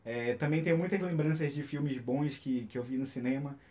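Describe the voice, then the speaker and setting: A man with a Brazilian Portuguese accent chatting on a film podcast, speaking haltingly and searching for his words. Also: medium pitch, a little mellow. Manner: halting, many fillers and restarts. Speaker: podcast co-host. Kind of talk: casual podcast chat.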